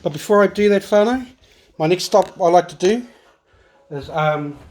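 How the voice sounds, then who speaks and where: A man's voice: high voice, lively intonation, moderate pace, a little mellow. A middle-aged man with a Maori New Zealand accent, giving a casual cooking demonstration in a laid-back, rambling, colloquial way. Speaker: home cook presenting a cooking video. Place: home kitchen, indoors. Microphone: phone camera across the counter. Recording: echoey kitchen, camera at a distance.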